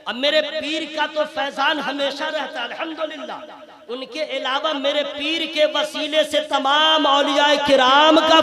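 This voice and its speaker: A male preacher with a strikingly high voice delivers a sermon to a large gathering. He slips between soft, teasing asides and fervent shouted exhortation. The sound rings through an echoey hall, with a crowd audible behind him. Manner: swings from quiet teasing asides to impassioned shouting. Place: large gathering, religious meeting.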